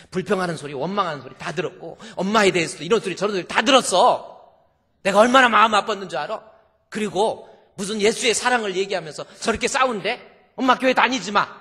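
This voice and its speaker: A man voicing a grown daughter, a professor, pleading loudly and emphatically with her mother. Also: mid-range voice, fast talker, creaky, hardly any pauses, breathy edge, long reverb tail. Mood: upset.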